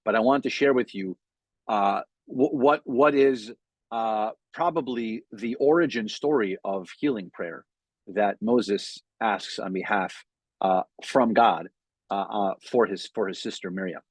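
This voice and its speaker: A man's voice: fairly low pitch, a little slow, husky, no echo. A man giving a weekly sermon as a rabbi, talking conversationally with frequent fillers and restarts. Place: in front of a Hebrew sign, dry room.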